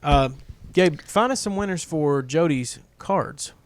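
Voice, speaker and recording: A man's voice: a little high, animated, takes it slowly, background noise. Casual male show co-host, playful. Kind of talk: casual banter, hosting a giveaway show.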